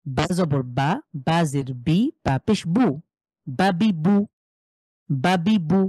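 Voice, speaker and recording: A man teaching a live Quran recitation class, slowly drilling Arabic syllables with many repeats and explaining mouth positions step by step. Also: a little high, darkish tone, no echo, rough recording. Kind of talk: live online tajweed class.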